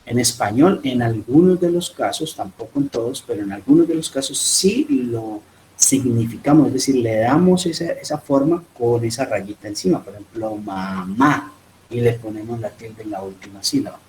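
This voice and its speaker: A man's voice: mid-range voice, normal speed, warm tone, slight background noise, poor audio. A man, explaining grammar patiently as a teacher in a remote class lesson and often checking in with his students. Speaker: English teacher.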